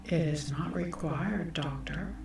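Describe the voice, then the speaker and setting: Android AI played by a woman, ASMR role-play, creaky, robotic, detached, superior, heavily echoed, music behind. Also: low voice, full character voice. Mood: cold, measured. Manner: robotic android delivery, measured, formal, detached. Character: omnipotent female android AI from the future, cold, superior. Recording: long echo, distant, music behind.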